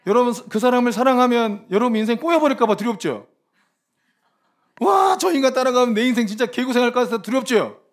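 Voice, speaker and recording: A man delivers a sermon with a high-pitched voice that swings up and down all over. He keeps firing rhetorical questions at his listeners and slips into joking asides. The tone stays playful and needling. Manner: lively, teasing preaching with rhetorical questions to the congregation. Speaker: pastor.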